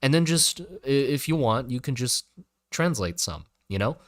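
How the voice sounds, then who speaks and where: A man hosting a casual livestream, rambling and hesitant with many fillers and restarts, breaking into bursts of loud excitement. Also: medium pitch, normal speed, dry recording, studio quality. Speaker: livestream host.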